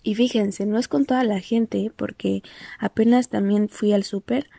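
A woman's voice: mid-range voice, fairly even intonation, a little slow, gravelly, warm tone, no echo. A woman from Mexico with a Mexican accent, telling a personal story in a casual monologue, full of fillers and restarts. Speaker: podcast host.

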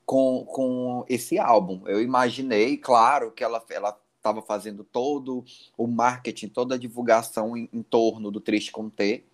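A man on a podcast, talking in a measured, explanatory way at a mid pitch. He often restarts his sentences as he thinks aloud. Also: steady tone. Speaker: podcast co-host. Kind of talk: casual chat.

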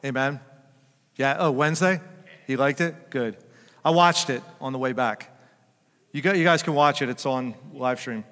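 An older man preaching a sermon as pastor, chatting and joking with his congregation, then rising to loud emphatic peaks. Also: mid-range voice, normal speed, long pauses, in a large hall. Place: church sanctuary.

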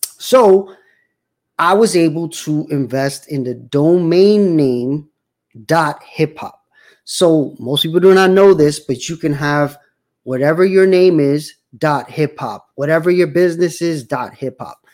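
Rambling casually on his own livestream show, a host in his forties stumbles through many fillers and restarts. His somewhat high voice is unhurried and carries a darkish tone.

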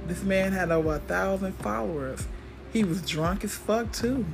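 A middle-aged American woman talks off the cuff as a solo podcast host, with music clearly playing behind her. Her voice sits at a medium-to-low pitch for a woman, and her delivery is blunt and cynical. She rambles casually and swears freely. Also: normal speed.

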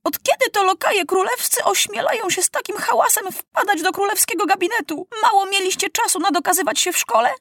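A woman voicing a proud, quick-tempered young boy king who gives commands in a storybook reading. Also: a little high, animated, no room sound, clean studio sound, voice pushed up, full character voice. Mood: stern command. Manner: commanding, scolding.

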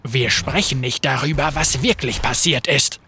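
A man doing a gruff, sulky outlaw bruiser. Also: mid-range voice, moderate pace, a little hiss or hum, pitched below the performer's own voice. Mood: grumbling. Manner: grumbling, dark and brooding.

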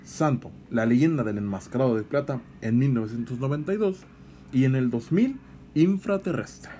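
Lively-pitched, mellow male narrator. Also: moderate pace, slight background noise. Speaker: co-host of a lucha libre show. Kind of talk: scripted biographical narration.

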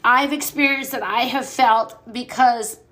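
A middle-aged woman with a slightly high voice speaks in a raw, personal monologue about loss. She is blunt and mouthy, swearing freely. Her talk is emotional, and at times she sounds short of breath. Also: fairly even intonation, measured pace, sharp tone. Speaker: podcast host.

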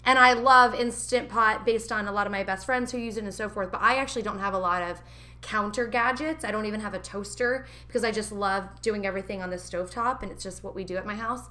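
Bright-voiced chatty woman. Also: medium pitch, fast talker. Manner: chatty, giggly, recommends products. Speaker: podcast co-host. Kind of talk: casual chat. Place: home kitchen.

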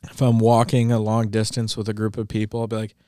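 A man's voice: lowish voice, monotone, quick pace, dark tone, no echo, studio quality. A young man co-hosting a podcast, joking about himself in casual chat. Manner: joking, self-deprecating. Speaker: podcast co-host.

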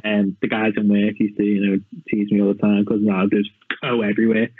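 A man's voice: on the low side, monotone, a little fast, slight background noise. A man chatting casually as a guest about his fitness journey, self-mocking and full of fillers. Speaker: podcast guest, personal training client. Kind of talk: casual chat. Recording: tinny phone-like line, dry.

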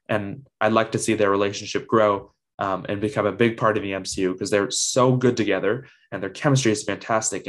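A man's voice: mid-range voice, fairly bright tone. A man reviewing a TV episode in a casual video, praising it with enthusiasm and lots of ums.

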